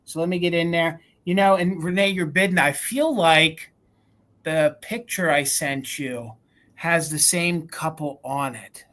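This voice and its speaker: A woman's voice: low-pitched, measured pace, fairly bright tone. Chatty woman hosting a live sale. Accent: regional American. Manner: chatty, describes items and counts down bids. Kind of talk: live auction selling.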